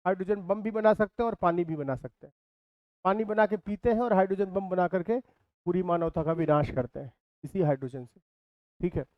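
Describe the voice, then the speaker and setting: A man's voice: sits high, a little fast, no room sound, highs cut off. A man teaching a physics class in speech, repeating key terms and asking his students questions. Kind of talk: classroom lecture.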